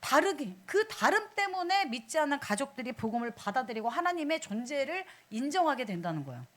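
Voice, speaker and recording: A woman's voice: high-pitched, fairly quick. A woman preaching a sermon in a church, asking the congregation questions as she goes. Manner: animated, asks the congregation questions.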